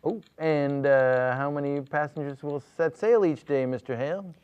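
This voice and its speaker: A man playing a TV news anchor in a parody newscast, halting and stammering in his delivery. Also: a little high, smooth, close to an everyday voice. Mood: flustered. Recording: slightly dull, lo-fi audio.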